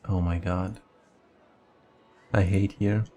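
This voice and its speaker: Faint background music plays as this game streamer chats loosely and mumbles asides through his gameplay commentary. He speaks slowly in a low, mellow voice with a steady tone.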